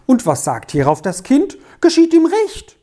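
A woman's voice: sits high, huge pitch swings, a little slow, dark tone, voice pushed up, full character voice. A woman doing a stiff, reproachful young governess. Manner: raised, reproachful voice.

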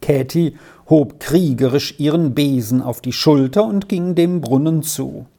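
Low, slow woman narrating a story. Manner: calm, measured storytelling. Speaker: audiobook reader. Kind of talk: scripted narration.

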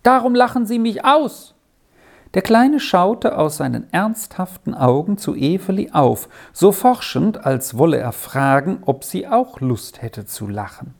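A storyteller reading a children's story aloud in a slow, expressive way. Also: mid-range voice, gravelly.

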